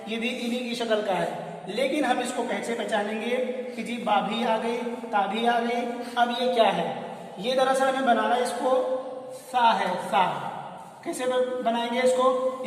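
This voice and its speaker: A man with a very high voice gives a slow, patient reading lesson and repeats each letter so learners can follow. He sounds distant from the mic. A long, booming hall echo trails after his words. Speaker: Islamic teacher. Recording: echoey hall from far off.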